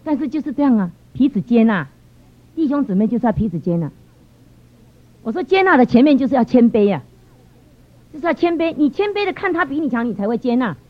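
Animated woman telling a church testimony. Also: high-pitched, brisk, pauses often. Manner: animated, expressive storyteller. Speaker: church member giving testimony. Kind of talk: storytelling testimony. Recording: dull lo-fi sound.

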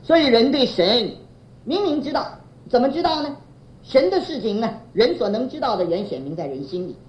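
A woman's voice: a little high, sing-song, a little fast. A woman preaching a sermon, often posing fill-in questions to the congregation and chuckling through her stories. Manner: chuckles while telling anecdotes. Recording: roomy, dull lo-fi recording.

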